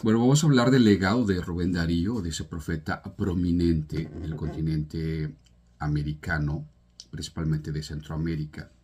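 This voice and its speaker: A man from El Salvador talks through literature in a very low, husky voice. He is earnest and informal, stumbling and restarting now and then. His voice lifts with emphasis on key words. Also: fairly even intonation, moderate pace, darkish tone. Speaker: literature presenter.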